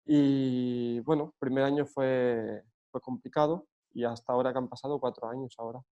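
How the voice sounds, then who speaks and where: Man, football coach, mellow voice, earnest and halting delivery. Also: medium pitch, steady tone, highs cut off. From Spain. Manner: earnest, hesitant with frequent fillers and restarts. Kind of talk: remote interview answers.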